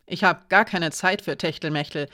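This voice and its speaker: A woman reading a proud, prickly young female servant with a sharp, indignant manner in an audiobook. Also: lowish voice, normal speed. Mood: snappish.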